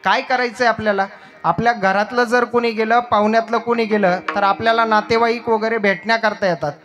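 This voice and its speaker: A man's voice: sits high, fairly even intonation, fairly quick, a bit bright, lo-fi sound, soft background music. A man telling a devotional story as a kirtan preacher, dramatic and emotive.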